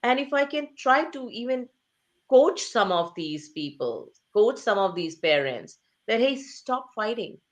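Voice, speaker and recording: A woman with a slightly high, sing-song voice speaks at a measured pace. She's an author from Asia in a conversational interview, earnestly underlining her points through repetition and rhetorical questions.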